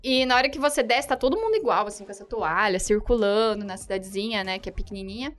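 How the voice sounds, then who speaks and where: A woman's voice: mid-range voice, lively intonation, fast, faint music behind. A Brazilian woman tells a travel story in casual conversation. She laughs often, acts out dialogue and keeps checking in with tag questions. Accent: Brazilian Portuguese. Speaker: guest telling a travel story.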